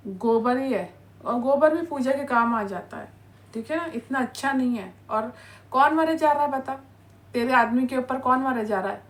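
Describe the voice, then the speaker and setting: Speaking at a moderate pace with lively intonation, this higher-voiced woman delivers an angry reaction rant. She scolds and insults whoever she's reacting to, repeatedly adding "है ना" to her lines.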